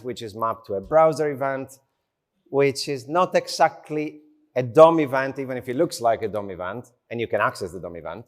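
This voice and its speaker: Speaking to an audience from a conference stage, this non-native English speaker delivers a relaxed tech talk with a medium-pitched voice. He takes his time, uses short phrases, and keeps things casual while poking fun at himself.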